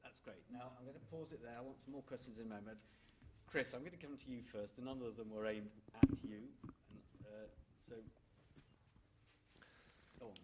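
A man's voice: mid-range voice, moderate pace. A man chairing a live public panel debate as moderator, recorded at the event. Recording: live event, clear background noise and clicks.

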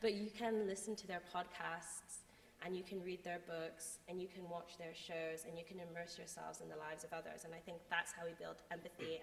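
A woman's voice: on the low side, creaky, a bit bright. A woman who is a native English speaker, giving an earnest, articulate motivational talk with emphatic repetition. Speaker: conference speaker. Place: large reverberant room before a live audience. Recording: echoey hall with background noise.

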